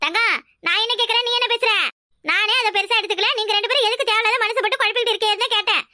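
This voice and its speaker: A woman's voice: very high-pitched, racing, sharp tone, no room sound, studio quality, exaggerated voice. Woman doing a curt Kanyakumari village wife. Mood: tired. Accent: Kanyakumari Tamil. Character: weary young village wife, patient but firm.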